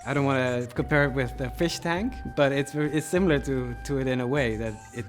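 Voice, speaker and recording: During an interview, a creative developer casually describes his work, thinking aloud informally. He has a mid-range voice and talks a little fast, with music playing behind him.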